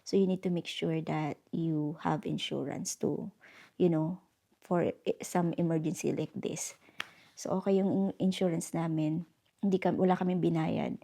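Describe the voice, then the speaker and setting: A woman's voice: on the low side, fairly even intonation, measured pace, vocal fry, mellow. A woman vlogger chatting casually, telling a story with lots of fillers and switching into English. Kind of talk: casual vlog chat.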